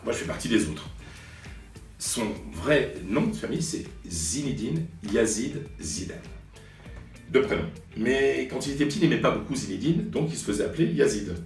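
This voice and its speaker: Looking back on his memories to camera, a French man in his late forties who works as a sports journalist speaks in an animated, medium-pitched voice with a darkish tone and moderate pace. He stumbles along hesitantly, full of fillers and restarts, while faint music sits under distant, roomy audio.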